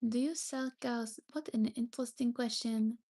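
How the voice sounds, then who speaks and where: A young woman with a noticeable French accent hosts a relaxed livestream chat. Her voice sits a little higher than most, and she talks in a friendly, easygoing way. She greets and thanks viewers and now and then pauses to find the right English word. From France. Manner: chatty, thanks viewers, searches for English words. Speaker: livestream host.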